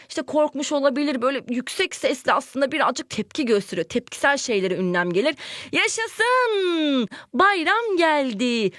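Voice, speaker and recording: Bright-voiced woman teaching young children. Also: high voice, no room sound, clean studio sound. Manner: lively, questioning, acts out example sentences with exclamations. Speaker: primary school teacher. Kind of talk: classroom lesson for young children.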